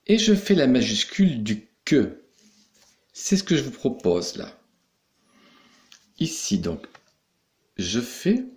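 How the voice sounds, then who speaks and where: A man's voice: fairly low pitch, darkish tone. A man teaching young pupils in a recorded lesson, patiently explaining each step. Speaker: primary school teacher.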